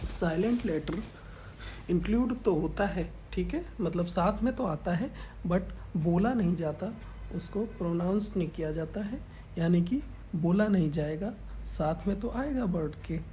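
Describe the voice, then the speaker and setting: A woman's voice: fairly low pitch, mellow, slight background noise. A woman teacher, patiently explaining a worksheet in an online class and often checking in with the pupils. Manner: slow, patient, repeats "ठीक है" after each point.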